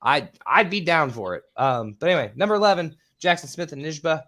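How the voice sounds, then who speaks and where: A man's voice: fairly high pitch, lively intonation, fairly quick, pushed and bright. Casual man reading off draft picks. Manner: rattles off picks with filler ums; swears casually. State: voice a bit squeaky. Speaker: podcast host. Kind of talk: casual podcast chat.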